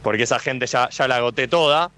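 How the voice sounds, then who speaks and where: A man with a Rioplatense Argentine accent doing live radio street interviews outside a stadium, chatty and firing quick follow-up questions. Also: mid-range voice, pushed and bright. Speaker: radio field reporter. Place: outdoors near a stadium.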